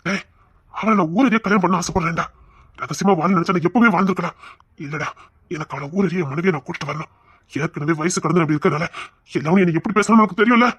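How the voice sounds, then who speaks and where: A man's voice: high-pitched, fast talker, fairly bright tone, slightly rough, no echo. A man voicing a proud, devoted elder brother and husband who soothes and reassures. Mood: firm. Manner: soothing, affectionate, firm. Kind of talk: audio drama acting.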